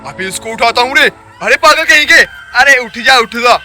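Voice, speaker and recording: A shrill, high-pitched ghost chief who snaps insults at his helper and cackles, acted by a man. His voice is bright and cutting, and faint music plays underneath. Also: expressive, moderate pace, exaggerated voice. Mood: bossy. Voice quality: scolding, insulting, with cackling laughs. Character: bossy, bad-tempered male ghost leader who kidnaps children. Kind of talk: comic Hindi skit acting.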